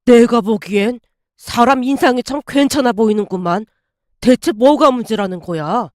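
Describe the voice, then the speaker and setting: A woman voicing a gentle, worried older father in a soft, consoling way, with no change from her own voice. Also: a little high, moderate pace, no echo, studio quality, close to an everyday voice.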